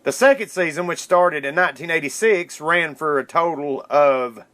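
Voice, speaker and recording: At a normal speed, a man with a fairly high pitch and fairly bright tone hosts a casual solo podcast. His enthusiast's talk about cartoon history is informal and loosely put together.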